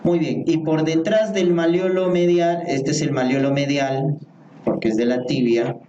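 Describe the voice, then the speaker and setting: A male anatomy lecturer with a rather high, dark voice and fairly even intonation teaches slowly, repeating each term and asking the class questions. The muffled recording has slight background noise, with his voice distant in an echoey room.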